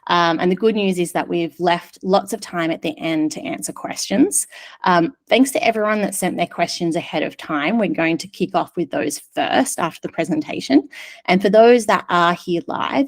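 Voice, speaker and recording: A woman hosts a webinar over a video call. Her voice sits slightly low, and she reads a friendly introduction with the odd filler. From Australia. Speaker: webinar host. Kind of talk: hosting a webinar.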